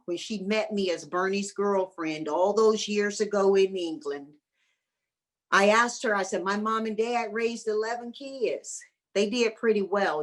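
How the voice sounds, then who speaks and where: A woman's voice: mid-range voice, fairly bright tone. A woman giving an earnest motivational talk as a guest speaker, speaking with a preacher-like emphasis over a video call. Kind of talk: motivational speech.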